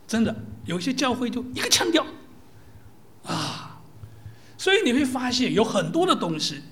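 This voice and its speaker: A preacher giving a sermon in lively storytelling style, often asking "right?" of the listeners and dropping into soft, near-whispered asides. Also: mid-range voice, moderate pace, slight background noise. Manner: lively storytelling with rhetorical questions.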